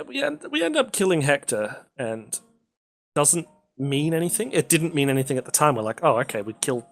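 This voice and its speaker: A man's voice: mid-range voice, creaky, a bit bright. A man co-hosting a casual gaming podcast, rambling with lots of ums and the odd swear. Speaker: podcast co-host.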